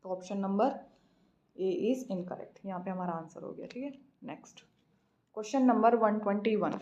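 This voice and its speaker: A woman teaching an English exam practice lesson, reading out questions slowly and explaining answers in a mix of Hindi and English. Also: mid-range voice, darkish tone, dull audio.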